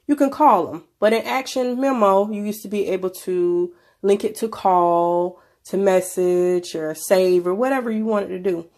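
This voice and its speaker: A woman's voice: mid-range voice, fairly even intonation, measured pace, few pauses, a little mellow. A woman with a stuffy nose from a cold, presenting a casual tech review in an informal, conversational way. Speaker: video presenter.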